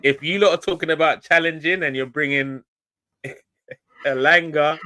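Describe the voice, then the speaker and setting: A man, a guest pundit in casual football banter, slangy and animated and laughing often. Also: fairly high pitch, normal speed, no echo.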